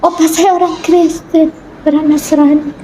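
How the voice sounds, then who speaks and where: A woman earnestly recounting a vision in an interview, acting out the dialogue in it, sometimes halting and restarting. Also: high voice, level tone, mellow, slight background noise, poor audio. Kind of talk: personal testimony in an interview.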